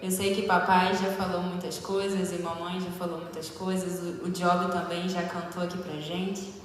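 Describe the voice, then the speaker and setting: A woman's voice: lowish voice, level tone, moderate pace. A woman interpreting a speaker phrase by phrase at a live event. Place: large echoey hall. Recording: echoey hall, distant mic, faint noise.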